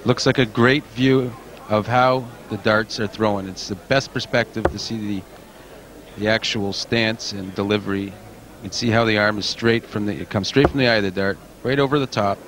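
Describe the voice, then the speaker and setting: A man's voice: lowish voice, steady tone, normal speed, noisy background. A man giving explanatory, analytical live darts commentary as the expert co-commentator.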